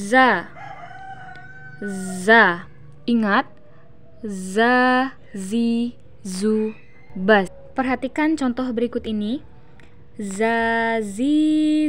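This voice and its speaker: A young Indonesian woman explaining Quran recitation letter by letter and sounding out syllables slowly and drawn out as examples. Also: on the high side, dark tone. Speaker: student presenting a Quran recitation lesson. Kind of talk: instructional explanation with slow demonstrations.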